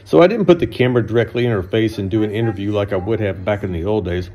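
Holding the camera at arm's length, a middle-aged man vlogs his travels through a village outdoors and a shopping mall indoors. He talks quickly in a fairly low, mellow voice, with the highs cut off in the audio. Rambling and chatty, he laughs a lot and restarts frequently.

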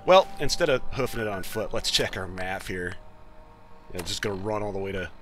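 A man's voice: deep voice, lively intonation, brisk, faint music behind. Joking, congested man doing game commentary. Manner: rambling, joking, offhand. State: slightly congested from a cold. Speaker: let's play host. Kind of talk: casual gameplay commentary.

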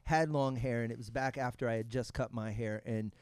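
A man's voice: medium pitch, brisk, clean tone, dry recording. A middle-aged man hosting a casual comedy podcast in a studio, joking and laughing as he leads the talk. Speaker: podcast host. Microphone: stand mic with headphones.

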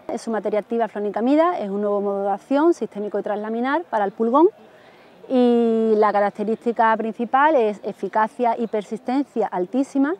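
A woman's voice: fairly high pitch, darkish tone. Promotional woman company representative. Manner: clear, promotional. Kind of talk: product presentation. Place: outdoors in a cotton field.

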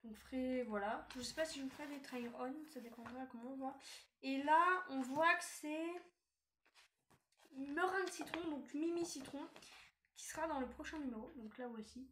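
Woman, high bright voice, chatty and halting, echoey room with a bit of hiss. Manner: chatty, hesitant, many fillers. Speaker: collector reviewing a doll magazine. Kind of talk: casual unboxing review. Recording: echoey room, faint noise.

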